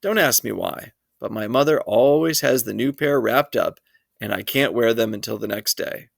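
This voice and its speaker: A man's voice: medium pitch, moderate pace, gravelly, dry recording, studio quality. A man reading a children's book aloud in a first-person storytelling voice. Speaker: reader.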